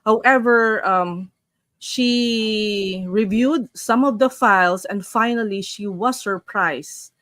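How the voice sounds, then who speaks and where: The host, a Filipino woman, opens her relaxed online session with friendly greetings before reading a story, frequently starting lines over. She speaks at a medium pitch and takes her time, with no echo in the audio.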